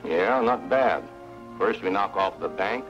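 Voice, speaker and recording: Gruff outlaw henchman, low and eager, dull old tv sound. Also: unhurried, over music.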